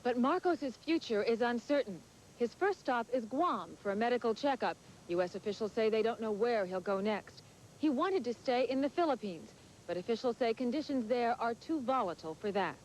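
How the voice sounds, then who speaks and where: A woman's voice: a little high, expressive, normal speed, slight background noise, low-quality recording. A woman TV correspondent delivering a scripted news report.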